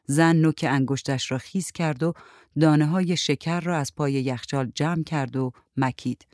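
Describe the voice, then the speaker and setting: A woman reading a short story aloud in a calm, even narrating voice. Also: low-pitched, dry recording, studio quality.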